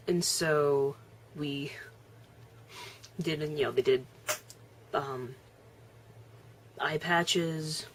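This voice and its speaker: A woman's voice: low-pitched, a little hiss or hum. A young woman chatting casually on her video blog, laughing often and chewing as she talks. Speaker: vlogger. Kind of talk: casual vlog chat.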